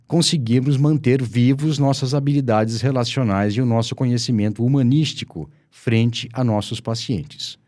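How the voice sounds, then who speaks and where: A man's voice: medium pitch, a little mellow. A Brazilian man reads a letter aloud on a podcast. He uses a mid-range voice and formal, emphatic phrasing. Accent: Brazilian Portuguese.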